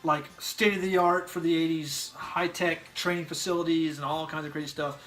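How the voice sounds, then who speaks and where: Animated man chatting over faint music. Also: on the high side, moderate pace. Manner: animated, acts out quotes with loud yells; rambling with restarts. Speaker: podcast co-host. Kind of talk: casual movie review chat.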